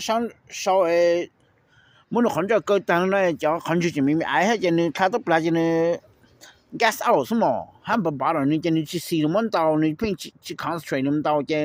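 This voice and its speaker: A man hosting a casual talk to viewers, rambling quickly and checking in with "okay?", with English phrases slipped in. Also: a little high, dry recording. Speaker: host.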